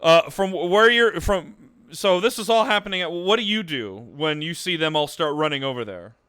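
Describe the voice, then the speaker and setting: A man narrates a tabletop session as game master, joking and cursing with his players. His voice is bright and crisp. The recording is dry and close. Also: on the high side, animated, moderate pace, dry recording. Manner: loose, profane, laughing banter with many fillers.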